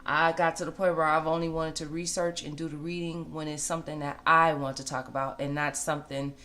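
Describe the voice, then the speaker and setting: A woman's voice: sits low, flat delivery, fairly quick, fairly bright tone. An American woman of forty giving casual gossip commentary in a blunt, conversational way, repeating points for emphasis.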